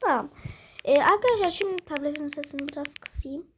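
A young female gamer, sick and coughing, chatting quietly from her bedroom while she plays, rambling with lots of fillers. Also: high-pitched, fairly quick, slight background noise. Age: school-age. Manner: rambling, many fillers, self-amused. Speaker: gaming vlogger. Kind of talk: casual let's-play chat. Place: bedroom at home.

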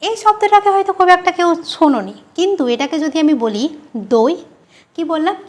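A woman teaching a grammar lesson, repeating key terms slowly and asking questions she answers herself. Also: extremely high pitch, sing-song.

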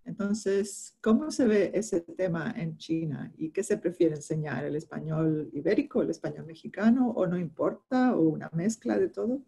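An interviewer asking a quick string of questions. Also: mid-range voice, vocal fry, mellow, slightly rough.

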